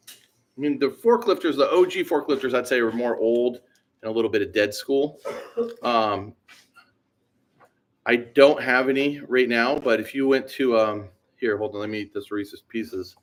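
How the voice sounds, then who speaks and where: A relaxed man talks on a livestream from his bike shop workshop, easygoing and slangy. He rambles through fillers and half-finished thoughts as he answers viewers, his pitch sitting in an ordinary middle range. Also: a little slow, pauses often. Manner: laid-back, rambling, slangy with many fillers. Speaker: BMX shop owner hosting a livestream.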